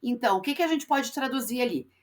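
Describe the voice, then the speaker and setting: A woman's voice: on the high side, animated, quick pace. A woman English teacher explaining step by step, stretching out example words and often checking in with her students. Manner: frequent checking tags like "tá?" and "né?". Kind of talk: classroom explanation.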